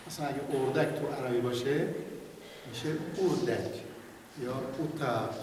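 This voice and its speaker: A male teacher of Quran recitation giving a classroom lesson, explaining patiently and demonstrating sounds by drawing out vowels. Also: a little high. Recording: echoey room, far from the mic, noisy.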